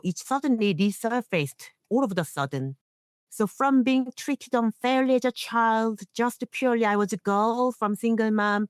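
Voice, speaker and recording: A middle-aged woman with a mid-range voice speaks English as a second language, sharing an earnest personal story as an interview guest. She is an internationally trained nurse and leader, and her phrasing sounds non-native. The recording is dry and studio quality.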